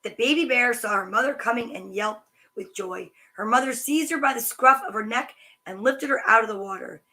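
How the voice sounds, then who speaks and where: A woman with a slightly high voice hosts a children's story time at a moderate pace. She reads picture books aloud in an animated, sing-song way, adding chatty asides.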